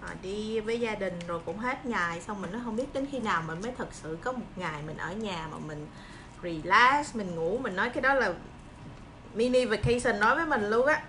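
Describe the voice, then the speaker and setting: A woman in her thirties with a southern Vietnamese accent talks casually to her viewers in an encouraging way. Her pitch sits in the middle for a woman. It is a phone recording made indoors, with clear noise behind her voice. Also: lively intonation, brisk. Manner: encouraging, reassuring. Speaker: livestream host. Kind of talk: casual chat to viewers while eating and preparing fruit. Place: small room indoors. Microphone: phone propped at arm's length.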